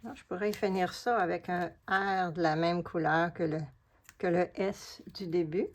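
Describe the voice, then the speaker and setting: Femme québécoise, tutoriel de bricolage. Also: female voice, lowish voice, steady tone, a little slow, slight background noise. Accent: Québécois French. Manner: chatty and familiar, explains each step while working. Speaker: collage artist and craft video host. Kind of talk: casual craft tutorial, addressing the viewer.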